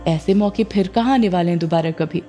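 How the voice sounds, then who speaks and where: A woman voicing a shy, doting young woman who speaks softly and hesitantly in a storybook reading. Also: lowish voice, fairly quick, faint music behind, close to an everyday voice.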